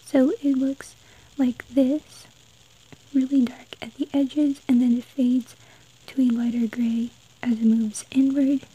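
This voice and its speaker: A woman hosts a craft tutorial in a breathy, whispered voice. Her pitch is high and her tone is very soft and dark, with no brightness to it. She explains gently, one step at a time. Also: level tone, slow, rough recording. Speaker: host of an art tutorial.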